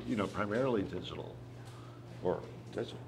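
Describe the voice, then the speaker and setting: A man's voice: low voice, fairly quick, vocal fry, noisy background. A man on a panel who asks rambling questions and keeps searching for words. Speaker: panelist, artist. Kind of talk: casual panel chat.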